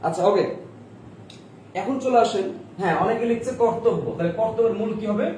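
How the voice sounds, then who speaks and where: Bangladeshi guy teaching grammar live, highish voice, keeps asking "right? won't it?", echoey room and a bit far off. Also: moderate pace, a little mellow, slight background noise. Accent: Bangladeshi Bengali. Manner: coaxing, asks students to answer in comments, repeats questions. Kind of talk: live online grammar class.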